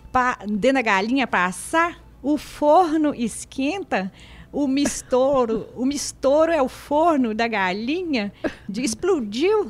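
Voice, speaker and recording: A woman speaks slowly in a high voice. She reads a regional text hesitantly, with pauses and fillers. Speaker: guest. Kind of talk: casual chat and reading a text.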